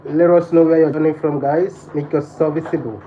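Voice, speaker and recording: On a casual livestream with a dull, lo-fi sound and background noise, a Nigerian host with a Nigerian accent addresses his viewers, repeating himself insistently. His voice runs on the high side, steady and mellow, a little fast.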